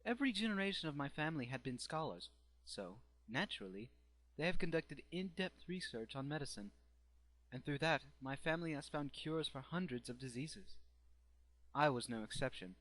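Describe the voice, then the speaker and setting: A man's voice: fairly high pitch, animated, normal speed, fairly bright tone, low-quality recording. A man playing a grieving, obsessed doctor turned necromancer in a theatrical, brooding anime fandub monologue. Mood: solemn, intense.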